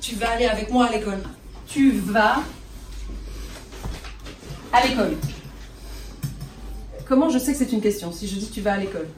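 A woman's voice: medium pitch, moderate pace, pauses often, slight background noise. A woman teaching a French class, patient, and checking in with her students often. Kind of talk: classroom lesson. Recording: roomy classroom recorded from a distance.

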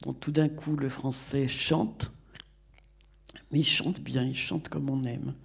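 A man's voice: medium pitch, steady tone, slow pace, vocal fry, breathy edge. A man on a discussion panel, speaking in an opinionated, discursive way. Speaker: panel guest.

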